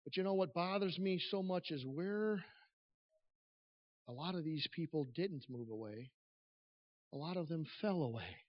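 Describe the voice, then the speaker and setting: A man preaching a church sermon at a pulpit microphone, earnest and emphatic, speaking in halting phrases that swell and drop in volume. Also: on the high side, lively intonation. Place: large church room. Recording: echoey church PA, slightly dull.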